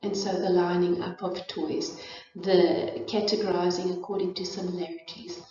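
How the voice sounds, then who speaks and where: On the low side with little pitch movement, a middle-aged woman with a South African accent talks at a moderate pace in a darkish tone. Presenting on parenting and child development, she keeps it informal and educational, speaking thoughtfully with many fillers and restarts. Slight background noise accompanies the echoey, distant, dull room sound.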